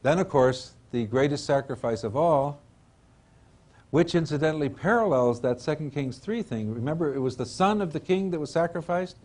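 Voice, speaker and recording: A man's voice: on the high side, expressive, normal speed, darkish tone. An older man giving an informal religious lecture in a rambling, professorial manner, trailing into asides and hesitant repetitions.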